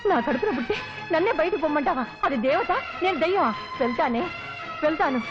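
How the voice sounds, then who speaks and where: An actress playing a scheming, sharp-tongued middle-aged mother who curses and scolds. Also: high voice, animated, fast. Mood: bitter scolding. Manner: scolding, cursing, melodramatic. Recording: dull film audio with music.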